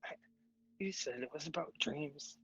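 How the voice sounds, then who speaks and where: A man voicing a frightened, confused young girl in a gravelly put-on voice, halting and repeating himself. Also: fairly high pitch, lo-fi sound. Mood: fearful. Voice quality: attempted gravelly voice.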